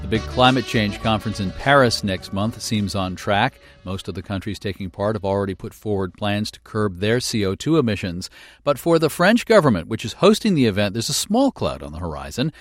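A man's voice: fairly low pitch, very animated, a little fast, no room sound, soft background music. A man hosting a radio news programme, presenting scripted stories in a studio.

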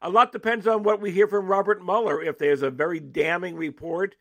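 A man giving political analysis as an interview guest, animated and emphatic, often restarting his sentences. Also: high-pitched, fairly quick.

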